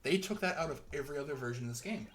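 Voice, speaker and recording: A man's voice: a little high, expressive, racing, slight background noise. Rambling, chatty young man. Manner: rambling, chatty, with frequent chuckles. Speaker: gameplay commentator. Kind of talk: casual let's-play commentary.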